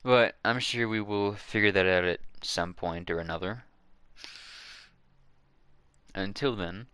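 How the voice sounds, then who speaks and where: Deep-voiced man rambling on a live stream. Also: sharp tone, smooth, dry recording. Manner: rambling, hesitant, many fillers and restarts. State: hiccuping. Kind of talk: casual live-stream chat.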